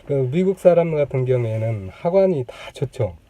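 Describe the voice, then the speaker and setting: A man hosting his own channel, explaining a topic casually to the camera with many pauses and fillers, demonstrating sounds as he goes. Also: medium pitch, sing-song, warm tone, dry recording. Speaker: channel host. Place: indoors on a lunch break. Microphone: camera mic.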